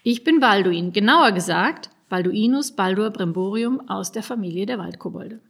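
A woman's voice: mid-range voice, animated, normal speed, gravelly, husky. A woman voicing a grumpy male forest kobold over a hundred years old, indignant and lecturing, in a storybook reading.

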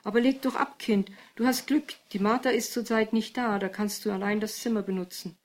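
A woman's voice: mid-range voice, fairly even intonation, a little fast, lightly acted. A woman reading aloud and voicing a worried, fussing middle-aged mother with an anxious, fretful manner.

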